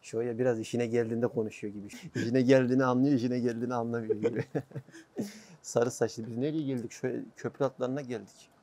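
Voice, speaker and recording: A man's voice: mid-range voice, fairly even intonation, fast talker, warm tone. A man interviewing someone casually as a vlog host, chatting as he walks. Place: outdoors, walking in a city.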